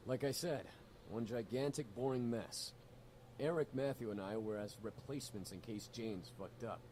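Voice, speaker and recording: A man's voice: fairly low pitch, a little fast, darkish tone, slight background noise, lightly acted, rough recording. An actor voicing a young male demon noble in a game, blunt and swearing casually, full of guilt and rebellion. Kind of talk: game voice acting.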